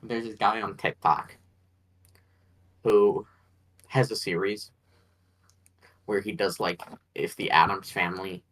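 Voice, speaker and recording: A man's voice: low-pitched, slow pace, long pauses, fairly bright tone, low-quality recording. A man co-hosting a podcast in casual chat, rambling and hedging as he thinks aloud. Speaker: podcast co-host.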